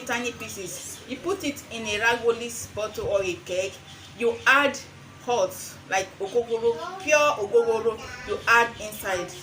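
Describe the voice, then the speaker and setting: Her voice is on the high side with a fairly bright tone, captured in poor audio with a little hiss or hum. The young Nigerian-accented woman, an herbal remedy vlogger and seller, leads an informal how-to, dropping into Pidgin phrasing and repeating phrases for emphasis.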